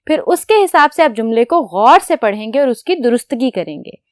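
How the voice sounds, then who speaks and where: A woman teacher giving a lesson to young students, explaining patiently step by step and asking questions that she answers herself, then dictating words slowly as she writes. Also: fairly high pitch, expressive, dry recording, clean studio sound. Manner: dictates slowly while writing. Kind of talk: classroom lecture to children.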